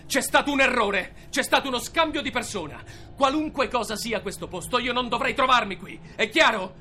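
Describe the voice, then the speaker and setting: A man's voice: extremely high pitch, a little fast, bright, forceful tone. An actor playing a bewildered male detective who wakes up trapped, talking in a confused, breathless and urgent way. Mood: indignant. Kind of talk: audio drama acting.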